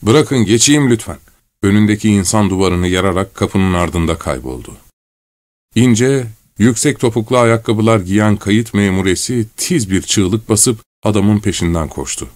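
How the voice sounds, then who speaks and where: An audiobook narrator with a lowish voice reads a literary short story in a measured, even storytelling style. The studio sound is clean, with no room sound.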